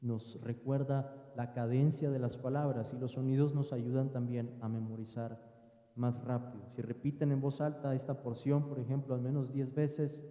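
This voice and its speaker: A man's voice: medium pitch, level tone, normal speed, dark tone, roomy sound, big-room sound. A man giving a sermon as pastor, teaching in an earnest tone and addressing his listeners as brothers. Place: church sanctuary.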